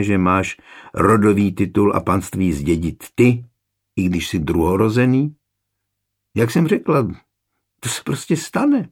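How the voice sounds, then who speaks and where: A man with a gravelly, husky voice voicing a proud, sharp-tongued pregnant young noblewoman in an audiobook. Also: fairly low pitch. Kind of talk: audiobook character reading.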